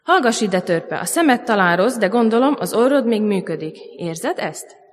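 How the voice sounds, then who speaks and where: A woman's voice: medium pitch, animated, lightly acted. A woman voicing an earnest young girl queen who urgently pleads, in a storybook reading. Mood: coaxing. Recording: long church reverb.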